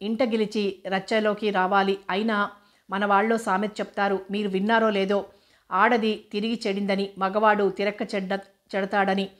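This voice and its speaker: Smug, unruffled man taunting a rival, read by a woman narrator; even, level tone. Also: medium pitch, moderate pace, natural voice. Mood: mocking. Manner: calm, needling, lecturing. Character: smug, mocking adult man, cool under pressure.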